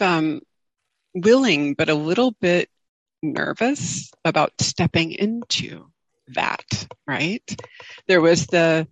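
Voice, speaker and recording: A woman giving an informal dharma talk as a meditation teacher, speaking in a gentle, reflective and halting way. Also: sits low, no echo, low-quality recording. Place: online group video call.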